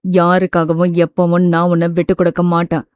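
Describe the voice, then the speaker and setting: A woman voicing an intense, stern young man in a romance audiobook, speaking low and pressing. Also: monotone, a little fast, a little mellow, no echo, close to an everyday voice. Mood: earnest.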